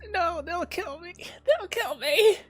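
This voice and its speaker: Brief: woman voicing a terrified male creature, squeaky rasp, whimpering pleas. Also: animated, takes it slowly, over music, heavily acted. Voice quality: raspy, high-pitched. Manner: pleading, stammering, whimpering. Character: panicked cowering male creature begging for life.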